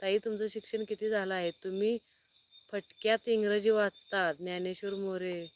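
Flat-voiced woman. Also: medium pitch, a little hiss or hum. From Sangli district, Maharashtra. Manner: reads out viewer names and greets each one, chatty and unhurried. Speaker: farmer hosting a live stream. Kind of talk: casual live-stream chat reading viewer comments. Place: outdoors at night, sitting under a light.

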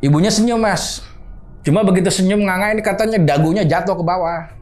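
A man's voice: high voice, fast talker, faint music behind. Man telling a ghost story. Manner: animated retelling, acting out quoted dialogue. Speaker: boarding house caretaker telling a horror story. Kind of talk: casual storytelling to an interviewer.

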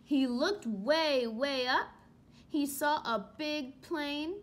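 Reading to young children from a small room at home, a young woman teacher speaks in a high-pitched voice at a very slow pace. She's a young adult who teaches elementary school, and she asks the kids questions, leaning on key words and drawing them out.

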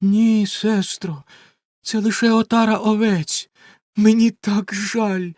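A man's voice: high voice, little pitch movement, takes it slowly, a little mellow, no room sound, studio quality, pitched above the performer's own voice. A man voicing a frightened young wife in a storybook reading, raising his voice into a pleading, tearful tone. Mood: desperate.

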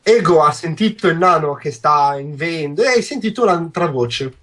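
A young man with a husky voice, refereeing and narrating a tabletop game as game master over a video call. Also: fairly high pitch, expressive, normal speed, fairly bright tone. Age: young adult. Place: at home on a group video call.

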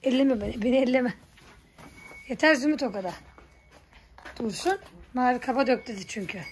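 A woman vlogging in a village, coaxing and scolding her farm animals and talking softly to viewers. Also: on the high side, moderate pace, background noise. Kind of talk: casual vlog talk to animals and viewers. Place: village garden and barn, outdoors. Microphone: phone camera.

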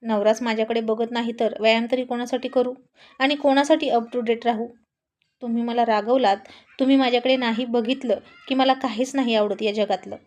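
A woman's voice: fairly high pitch, fairly even intonation, fairly quick, darkish tone, natural voice. A woman voicing a playful, affectionate young wife in a told love story. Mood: pleading. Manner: cheeky, coaxing.

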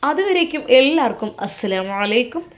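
A woman's voice: high voice, very animated, fairly quick. A woman telling a story in earnest, emotive narration as the storyteller of the channel.

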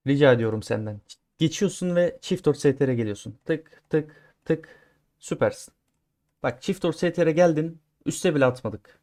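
A man's voice: a little high, lively intonation, moderate pace. Chatty male gaming streamer. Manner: chatty, talks to viewers as he plays; swings between grumbling and loud cheering. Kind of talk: casual gameplay commentary.

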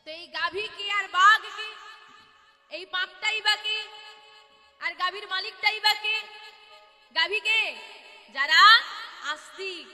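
A woman's voice: very high voice, slow pace, pauses often, big-room sound, music in the background. A woman kirtan singer telling a devotional story as a sermon, repeating words for effect and addressing listeners as mother and father.

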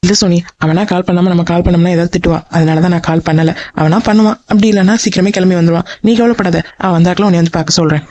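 A bossy, teasing young aunt in a cartoon, voiced by a woman, scolding and mocking at a very rapid clip. The recording is dry and a little dull and lo-fi. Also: lowish voice, steady tone, a little mellow, dry recording, natural voice. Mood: reassuring. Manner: scolding, mocking and fast-talking. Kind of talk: animated cartoon voice acting.

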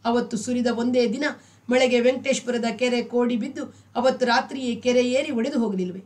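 Woman doing a flat, emotionless aloof husband. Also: fairly high pitch, brisk, far from the mic, lightly acted. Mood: matter-of-fact. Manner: flat, matter-of-fact.

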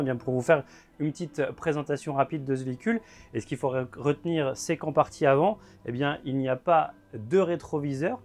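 A man in his thirties gives a guided tour inside a motorhome at a trade fair, talking in a measured way with frequent filler words. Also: mid-range voice. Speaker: motorhome show presenter. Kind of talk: guided vehicle walkthrough.

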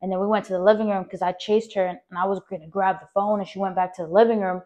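A woman's voice: mid-range voice, fast. Young woman rambling through a story. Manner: rambling, animated, many fillers, talks straight to listeners. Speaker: podcast host. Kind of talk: casual personal storytelling.

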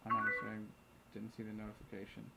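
A man's voice: on the low side, completely flat delivery, quick pace, vocal fry, over loud music, low-quality recording. A man casually commentating a chat game, reading messages aloud, muttering asides and swearing freely. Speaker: let's play host. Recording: loud keyboard typing behind. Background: keyboard clicks and typing.

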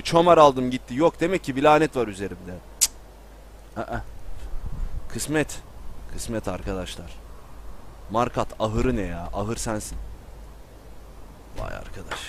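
Excitable man yelling at his game. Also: medium pitch, slight background noise. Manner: excitable, yells and jokes while playing. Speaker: gameplay commentator. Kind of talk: casual gameplay commentary.

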